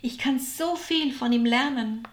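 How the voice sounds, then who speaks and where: A woman voicing Maria, a gentle, devout village woman, speaking softly in a storybook reading. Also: high voice, measured pace. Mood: tender. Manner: soft, wondering.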